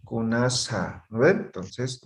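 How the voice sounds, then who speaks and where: A man's voice: medium pitch, lively intonation, slow. A man teaching a language class, explaining patiently and often checking that students follow. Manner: patient, checks understanding with frequent tag questions.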